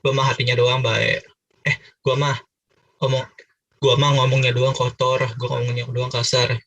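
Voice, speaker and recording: A man mimicking a boastful young man who insists only his talk is rude, in a slow slangy drawl. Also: medium pitch, little pitch movement, a bit bright, distant mic. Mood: smug.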